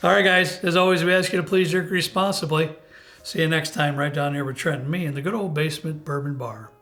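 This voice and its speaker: Guy w a slightly high wobbly grainy voice, recovering from being sick, casual review chat, music behind. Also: fairly even intonation, fairly quick, fairly bright tone. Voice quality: unstable, grainy voice. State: unsteady voice while recovering from illness. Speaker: host of a bourbon review show. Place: home basement bar.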